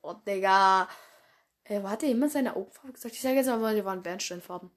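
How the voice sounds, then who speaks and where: A woman's voice: mid-range voice, fast. A woman reading her own animal fan story aloud, often stumbling and correcting herself, with casual slangy asides. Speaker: story reader.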